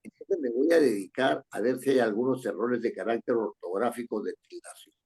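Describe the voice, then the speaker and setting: Male writing teacher, husky and mellow, patient step-by-step explainer. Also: mid-range voice, a little fast. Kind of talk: online class lecture.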